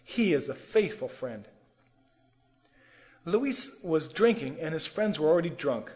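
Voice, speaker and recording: A man's voice: a little high, animated, measured pace, a little mellow, in a large hall. Earnest man giving a sermon testimony. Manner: earnest, emotional storytelling. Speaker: testimony preacher.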